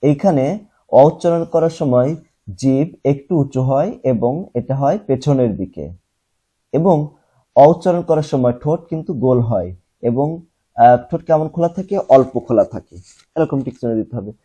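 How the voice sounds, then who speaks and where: A young male teacher with a very dark, mellow voice and a husky edge. He works through the lesson step by step, asks his students questions and answers them himself. He repeats single sounds slowly to show how they are said. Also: medium pitch. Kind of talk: classroom lesson.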